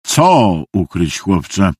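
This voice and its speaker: A man doing a calm, low-voiced old lawyer. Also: drawn-out words, husky, dry recording, studio quality, heavily acted. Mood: calm, tense. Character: older male lawyer, low and calm, composed.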